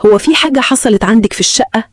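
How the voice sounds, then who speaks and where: A stern husband questions in a dry, businesslike Egyptian voice, read by a woman narrator. The pace is quick and the pitch a little high. The sound is close and dead. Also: dry recording, lightly acted. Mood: suspicious. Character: stern suspicious husband, middle-aged.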